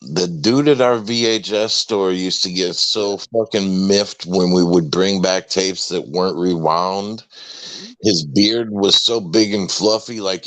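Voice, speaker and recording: Low-voiced man telling a story. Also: no room sound, rough recording. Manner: reminiscing, relaxed. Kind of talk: casual storytelling in group chat.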